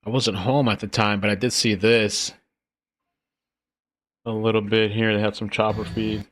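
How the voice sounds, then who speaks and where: A man giving casual, off-the-cuff commentary on the news in an informal, halting way. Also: level tone, fairly bright tone, dry recording. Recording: noisy with low hum.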